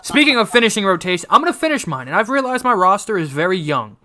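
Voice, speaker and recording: A man's voice: high-pitched, very animated, fast talker, crowd noise. A man hosting a casual sports draft stream, joking and counting down the clock. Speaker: host running a fantasy draft. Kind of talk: casual group chat.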